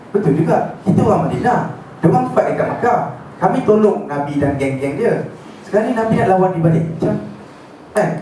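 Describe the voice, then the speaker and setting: A man giving a lively storytelling lecture on religious history and mixing in English words. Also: high voice, slight background noise. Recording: echoey room from far off.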